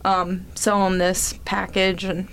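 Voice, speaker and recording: Woman explaining in an even, steady voice. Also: mid-range voice, slow, smooth. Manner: friendly, explains with many ums and restarts. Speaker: foundation representative, guest. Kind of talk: casual interview chat.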